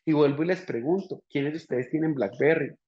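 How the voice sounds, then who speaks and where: A man lectures entrepreneurs in a fairly high voice. He keeps asking rhetorical questions and checking in with "right?". The recording sounds dull and lo-fi. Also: fairly quick, dark tone. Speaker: business lecturer.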